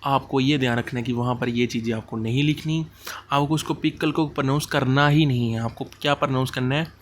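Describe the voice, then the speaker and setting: A man teaching English idioms for an exam, explaining each in casual Hindi mixed with English and slowing down over the English phrases. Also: mid-range voice, steady tone, a little hiss or hum.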